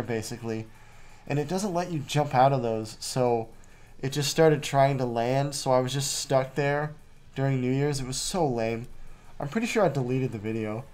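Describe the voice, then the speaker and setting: A man's voice: medium pitch, a little mellow. A man recorded too close to the mic, hosting a casual vlog voice-over in a rambling, jokey way. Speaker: vlog host.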